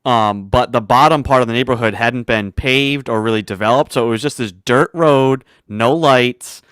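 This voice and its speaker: A man hosting a radio talk show, telling stories in an easygoing, chatty way and laughing often. His voice is smooth and clear, and it sounds close and dry, with no room around it. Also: medium pitch, normal speed, a bit bright, no room sound. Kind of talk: casual chat and interviewing.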